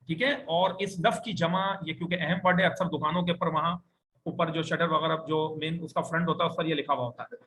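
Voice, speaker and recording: A man with a Pakistani Urdu accent teaches a language class in a fairly high voice. He stretches out example words slowly and clearly so his students can echo them, over a faint background hiss. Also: a bit bright. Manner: slow, drawn-out modeling of words for students to repeat. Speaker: Arabic teacher.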